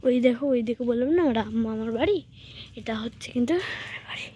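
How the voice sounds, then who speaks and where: A woman with a slightly high voice, chatty and eager, showing viewers around a village home. She keeps pointing things out as she walks and films herself with a handheld phone outdoors. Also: quick pace, dark tone, breathy edge. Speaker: vlogger. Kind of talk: casual walking tour vlog. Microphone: handheld phone while filming.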